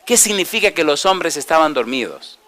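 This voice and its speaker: A man preaching with a bright, forceful, somewhat high voice. He keeps asking his listeners questions and answers them himself. When he reads scripture, he slows down and gives each word weight. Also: big pitch swings. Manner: reads scripture slowly and deliberately. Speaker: pastor. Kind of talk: sermon.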